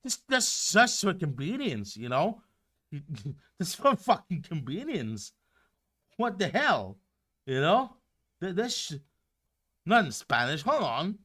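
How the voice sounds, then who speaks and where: Heated, bright-voiced man ranting on stream. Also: on the high side, big pitch swings, slow, long pauses. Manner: profane, repetitive, heated ranting. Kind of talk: live-stream rant.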